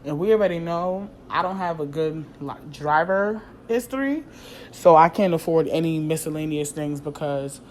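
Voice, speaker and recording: A woman in her thirties with a low voice tells a casual vlog story, swearing freely and slipping into quoted dialogue with lots of slang. A faint hiss sits under the recording. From New York. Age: 30s. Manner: animated, profane, slangy, acts out quoted dialogue. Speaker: vlogger.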